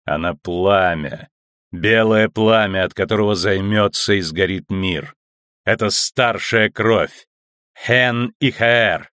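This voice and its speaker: A man's voice: lowish voice, fairly bright tone, no room sound, studio quality. Man voicing a cold metallic mocking spirit. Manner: slow, cold, sneering. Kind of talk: audiobook reading.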